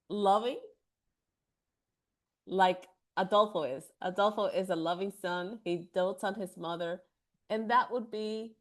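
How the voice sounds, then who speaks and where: A woman's voice: on the low side, fairly bright tone. A middle-aged woman speaking candidly and from the heart in an impromptu answer on a video call. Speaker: club member answering a question. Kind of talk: impromptu short speech.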